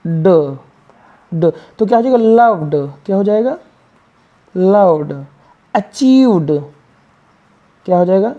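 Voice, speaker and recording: Mellow-voiced woman teaching English reading. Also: medium pitch, animated, slow pace, pauses often, dull audio. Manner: spells words letter by letter, asks and answers her own questions. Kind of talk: classroom-style reading lesson.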